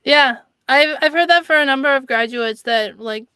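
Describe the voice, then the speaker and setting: A woman's voice: high-pitched, normal speed, bright, forceful tone, no room sound. A woman hosting a casual interview in a chatty, conversational way, peppering her speech with "like". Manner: conversational, frequent "like" as filler. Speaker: interviewer, host.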